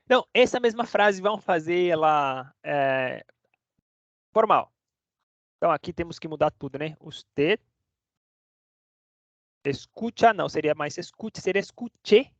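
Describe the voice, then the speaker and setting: A Spanish teacher whose native language is Portuguese leads a casual online lesson, chatty and checking in with the class every few words. He's animated and unhurried with a fairly high pitch, pausing often. The recording is dry, dull and lo-fi.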